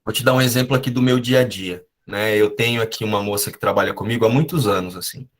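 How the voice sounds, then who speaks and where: A man's voice: fairly low pitch, fast talker. A man sharing a long personal story on a video call in a study group, reflective and confessional.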